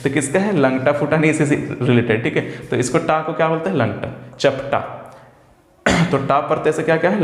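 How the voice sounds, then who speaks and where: A young man, teaching an exam-prep lesson in a casual style and answering his own questions. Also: fairly high pitch. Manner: asks questions and answers them himself, drawn-out example words. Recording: echoey room with long reverb.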